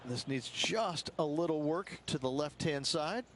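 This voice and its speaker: A man playing a calm golf analyst, giving measured, analytical commentary for a video game. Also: on the high side, slight background noise.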